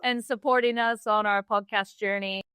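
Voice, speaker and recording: A woman's voice: mid-range voice, steady tone, moderate pace, pushed and bright. A woman co-hosting a podcast in casual chat, friendly in manner. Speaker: podcast co-host.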